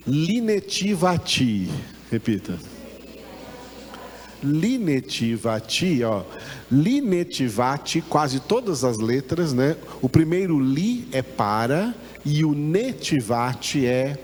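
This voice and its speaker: A man's voice: medium pitch, a little mellow. A man with a Brazilian Portuguese accent giving a Bible class, patiently repeating words and asking the listeners to say them back. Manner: often checks understanding with short tag questions. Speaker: Bible teacher. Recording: long hall reverb with faint background noise.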